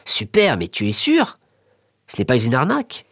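A man voicing a gruff, skeptical old grandfather in a read-aloud story. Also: medium pitch, wildly swooping pitch, normal speed, a bit bright, no room sound, clean studio sound, pitched above the performer's own voice, exaggerated voice. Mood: doubtful. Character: grumbling old grandfather, doubtful of new things.

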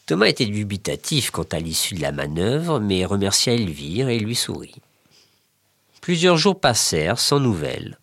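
A man narrating a written short story in an expressive, measured way. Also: on the low side, dry recording. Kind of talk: scripted story reading.

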